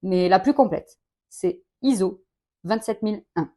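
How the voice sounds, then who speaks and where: Chatty woman in her late thirties, business leader in a quick-fire interview, informal, quick to laugh. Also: mid-range voice, mellow. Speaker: company director interviewed.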